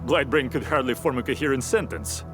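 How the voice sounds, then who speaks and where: A man's voice: medium pitch, fairly quick, natural voice. An actor playing a cocky male arena brawler in a game, swaggering and dismissive. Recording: game audio with music.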